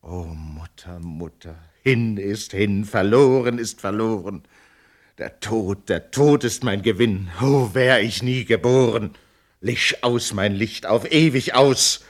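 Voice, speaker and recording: A man voicing a young woman in grief, despairing and defiant, in a dramatic poetry recitation. His delivery swings between hushed lament and loud outcry. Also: fairly low pitch, takes it slowly.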